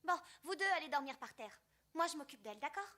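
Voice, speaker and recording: Quick bossy woman, high voice, brisk orders, French film dub. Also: expressive, fairly bright tone. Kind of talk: French-dubbed martial arts film dialogue.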